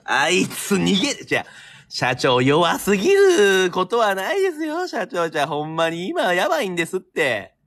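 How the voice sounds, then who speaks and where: A man's voice: sits high, wildly swooping pitch, moderate pace, fairly bright tone. A man with a Kansai accent hosting a live stream battle, teasing and throwing playful insults.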